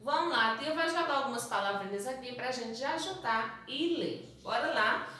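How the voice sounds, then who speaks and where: High bright-voiced teacher in an echoey room. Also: female voice, expressive, distant mic. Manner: patient, sounds out letters and syllables slowly, calls pupils "amores". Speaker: primary school teacher. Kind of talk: recorded phonics lesson for young children. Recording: very echoey room, voice off-mic, faint noise.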